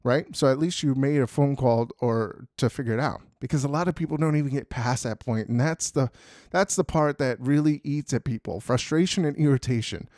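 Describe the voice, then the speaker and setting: A man's voice: medium pitch, brisk, a little mellow, no room sound, studio quality. A young man hosting a podcast, talking in a casual, rambling monologue full of "you know" and "right?". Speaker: podcast host.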